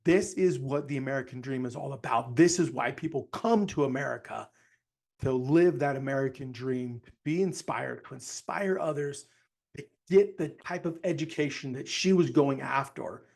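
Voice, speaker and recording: A man hosting a podcast, giving an excited intro and talking straight to his listeners. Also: mid-range voice, normal speed, gravelly. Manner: hyped, addresses listeners directly. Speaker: podcast host. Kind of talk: show intro monologue.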